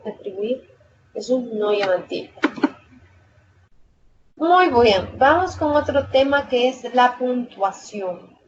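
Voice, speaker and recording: A woman with a fairly high voice gives an online tutoring lecture at an unhurried, deliberate pace. She reads from slides, runs through example words and corrects her own slips. The video call audio is dull and lo-fi, with a faint hiss. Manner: reads slides aloud and explains them with lists of example words. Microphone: video call microphone.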